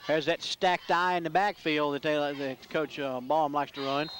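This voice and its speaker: A man calling high school football play-by-play, building up loudly on big plays. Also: moderate pace, very noisy. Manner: excitable in big plays, rising loud. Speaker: play-by-play announcer.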